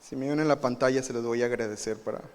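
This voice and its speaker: A man with a Mexican Spanish accent preaching a live sermon, animated and emphatic, often asking the congregation questions. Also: mid-range voice, fast talker, clear, resonant tone. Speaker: pastor. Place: church sanctuary. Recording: live church recording with long reverb.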